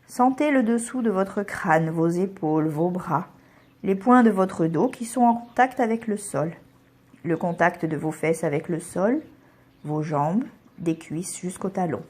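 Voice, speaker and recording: In a fairly low, slightly rough voice, a yoga nidra instructor guides listeners through relaxation. She gives calm, soothing instructions at a measured pace, pausing between each one.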